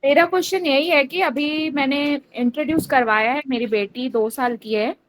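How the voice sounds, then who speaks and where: A woman's voice: high voice, moderate pace, a little hiss or hum, poor audio. A woman asking a parenting question over a video call.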